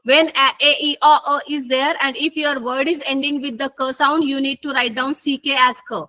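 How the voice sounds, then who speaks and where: Bright, high woman teaching phonics slowly. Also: steady tone. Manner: explains rules slowly with repetition, mixing Hindi and English. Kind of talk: online phonics lesson.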